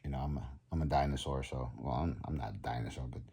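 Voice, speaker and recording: A vlogger in his fifties talks casually with a very deep, mellow voice that has a husky edge. His speech is halting, full of ums, and he restarts his sentences as he goes.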